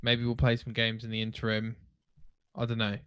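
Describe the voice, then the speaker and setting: A man's voice: lowish voice, completely flat delivery, fairly quick, a bit bright, clear, resonant tone, no room sound, studio quality. A man hosting a casual podcast chat, prompting his co-host with questions and playful teasing.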